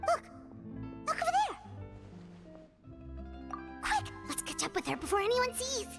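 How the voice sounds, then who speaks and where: A woman voicing a small, excitable, timid fairy companion with a squeaky childlike voice in a video game, music behind her. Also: a little slow, vocal fry, full character voice. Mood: excited, alarmed. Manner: exclamatory, speaks of self in third person.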